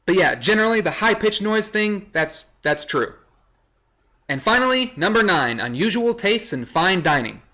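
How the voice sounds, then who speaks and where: Casting note: young male vlogger, bright, slightly high voice, sarcastic and rambling. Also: big pitch swings, moderate pace. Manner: sarcastic, rambling, self-correcting. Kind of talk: casual commentary reading a list.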